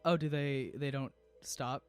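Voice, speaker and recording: A man playing a tabletop game, chatting casually with boisterous, excitable energy. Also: medium pitch, measured pace, clear, resonant tone, faint music behind.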